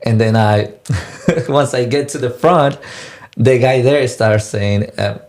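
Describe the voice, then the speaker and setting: Young man, halting storyteller, restarts a lot. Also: mid-range voice, a little mellow. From Mexico. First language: Spanish. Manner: halting, restarts and repeats words. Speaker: guest. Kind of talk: casual personal storytelling.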